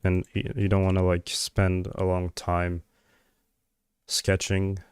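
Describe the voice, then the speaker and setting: A streamer from Georgia, a native Georgian speaker, thinks aloud while working on a live stream. His low, flat voice is smooth and slow, and his speech is hesitant, full of fillers and trailing thoughts. The recording is dry.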